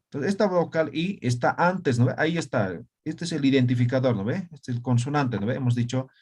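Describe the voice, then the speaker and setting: A man's voice: mid-range voice, a little fast, a little mellow, husky. A man teaching an online Aymara writing class, explaining step by step and checking in with students by asking "right?". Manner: patient, explains step by step with frequent tag questions.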